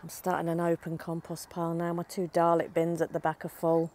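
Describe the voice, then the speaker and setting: Briskly and in a monotone, a woman with a fairly low, a little mellow and slightly croaky voice chats in her garden as an allotment gardening vlogger. She is down-to-earth and talks to camera while working outdoors in the allotment and back garden, holding her phone camera as she walks.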